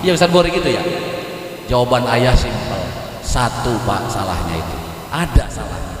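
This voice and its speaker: A man preaching a sermon, joking his congregation, singing some phrases and now and then rising to a shout. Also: medium pitch, big pitch swings, moderate pace, slight background noise. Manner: call-and-response with the congregation, joking; often sings phrases and rises to shouting. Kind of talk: sermon at a religious gathering. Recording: echoey hall from far off.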